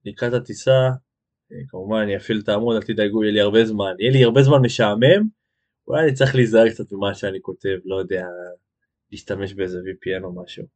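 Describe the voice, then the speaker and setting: A young man with a lowish voice hosting a casual live stream. He rambles loosely, restarts his sentences and fills the pauses as he reacts to comments from viewers. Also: fairly even intonation, a little mellow.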